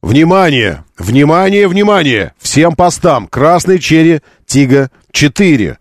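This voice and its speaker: A man putting on a mock police radio announcement, calling all posts in a drawn-out, official tone. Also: fairly high pitch, big pitch swings, dry recording, clean studio sound, voice pushed up.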